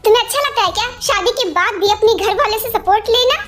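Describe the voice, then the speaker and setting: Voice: very high voice, fast talker. A performer in an amateur Hindi fan dub voices a jealous, insecure young husband who scolds and accuses his wife. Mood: accusing.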